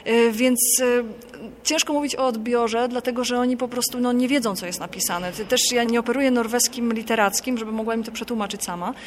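A woman from Poland, a guest author, answering interview questions in a thoughtful, explanatory and unhurried way. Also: fairly high pitch, steady tone, slight background noise.

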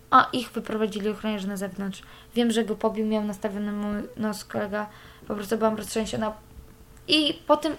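A young woman giving a candid personal account, cursing freely as she talks. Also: fairly high pitch. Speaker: interviewee.

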